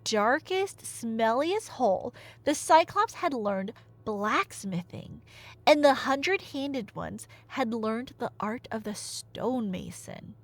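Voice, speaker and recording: A woman whose voice sits on the high side speaks at a slow pace. An audio roleplay performer and storyteller, she retells myths in a casual, rambling, comic style that is nerdy, slangy and animated, often stopping herself for asides.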